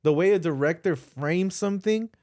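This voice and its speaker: A man's voice: high voice, moderate pace, darkish tone, no room sound. Earnest, profane guy, dry close sound. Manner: slangy, profane, earnestly arguing a point. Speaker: podcast host. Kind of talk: casual opinionated chat.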